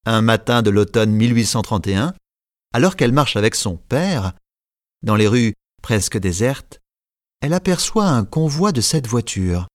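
A man narrating a simplified classic novel in a measured, clear storytelling manner. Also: medium pitch, very animated, no room sound, studio quality.

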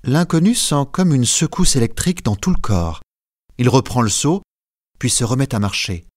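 Male narrator, measured storytelling read, dry close mic. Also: mid-range voice, dry recording. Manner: calm, measured reading. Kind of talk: scripted audiobook narration.

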